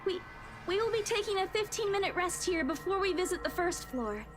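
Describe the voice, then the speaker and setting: A woman's voice: very high-pitched, lively intonation, a little fast, over music, voice pushed up. A woman voicing a polite, nervous young woman tour guide who stammers.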